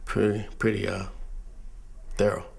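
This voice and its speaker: A man playing a husky, easygoing boyfriend. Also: on the low side, level tone, measured pace, exaggerated voice. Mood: affable. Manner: rambling, affable. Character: easygoing young male boyfriend meeting the family. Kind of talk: stage comedy acting.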